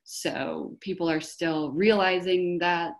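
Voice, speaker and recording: A woman with a low voice speaks slowly and deliberately, laying out her points for an audience. She explains things patiently and often pauses in the middle of a phrase. She is heard over a video call. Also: steady tone, gravelly. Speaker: panelist for an environmental group. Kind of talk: informative panel Q&A answer.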